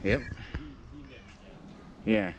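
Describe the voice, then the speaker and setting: A man's voice: very slow, muffled recording. A man vlogging, chatting casually and asking questions in and around a car. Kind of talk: casual chat. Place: car, outdoors. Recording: loud car and outdoor noise.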